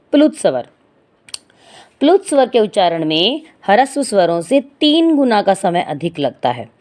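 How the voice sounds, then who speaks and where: A woman's voice: medium pitch, sing-song, measured pace, pauses often, a little mellow. A woman teaching a Hindi grammar lesson, posing questions and answering them herself, and drawing out vowel sounds to demonstrate. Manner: explanatory, asks and answers her own questions.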